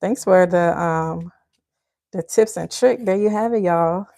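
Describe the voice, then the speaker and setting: A Liberian woman hosts a live cooking stream, chatting casually, calling her viewers y'all and laughing often. Her fairly low voice is warm, with vocal fry and a measured pace, recorded in studio quality without echo.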